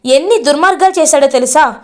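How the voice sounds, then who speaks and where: A woman voicing an angry young heroine who confronts and accuses a villain, shouting. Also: high voice, fast, natural voice. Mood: furious.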